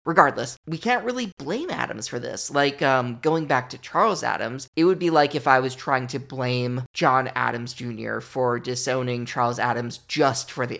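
A man hosting a history podcast in a loose, conversational way. His voice has a gravelly, fried texture, and he sits at an ordinary middle pitch. He wanders into wry asides as he talks. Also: a bit bright. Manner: wry, chatty, digressive. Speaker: podcast host. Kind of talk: casual history podcast commentary.

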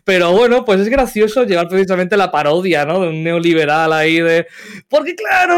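A man telling a lively, swearing anecdote as an interview guest. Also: fairly high pitch. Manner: animated, swearing, storytelling. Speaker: guest, tabletop game player. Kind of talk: casual interview chat.

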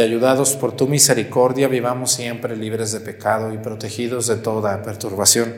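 A man as a priest, reciting the prayers of the Mass in a measured, solemn way, heard with a cathedral echo. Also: mid-range voice. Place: large church during Mass. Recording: long echo of a large church hall.

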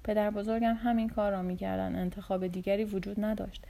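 Cold young sultan, imperious and measured, mellow low tone, as a woman narrator puts him on. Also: flat delivery, vocal fry, natural voice. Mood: stern.

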